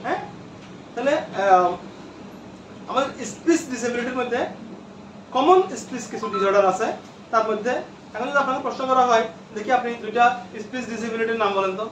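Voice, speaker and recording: A man's voice: very high-pitched, a little fast, pauses often, a bit bright, slight background noise. A male teacher lecturing a classroom, repeating terms and quizzing his students. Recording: echoey room from far off.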